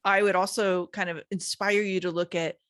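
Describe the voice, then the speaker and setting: A woman's voice: medium pitch, steady tone, moderate pace, a bit bright, dry recording, clean studio sound. A woman business coach talking as an interview guest, conversational and loose, with many "like" fillers. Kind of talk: casual interview chat.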